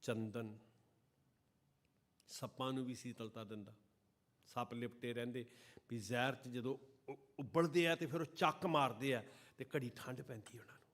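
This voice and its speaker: A man preaching a sermon to a congregation at a gurdwara, chanting and singing scripture lines slowly between passages of fervent preaching. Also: mid-range voice, fairly even intonation, a bit bright. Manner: addresses the congregation directly. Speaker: Sikh preacher giving katha. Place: gurdwara hall during an evening service.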